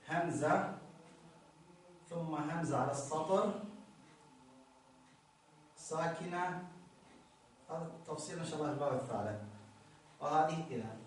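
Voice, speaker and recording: Man teaching grammar in an echoey room. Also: fairly high pitch. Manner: explaining step by step, repeating words, pointing at text. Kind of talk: Arabic grammar lesson. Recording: echoey room, distant mic, faint noise.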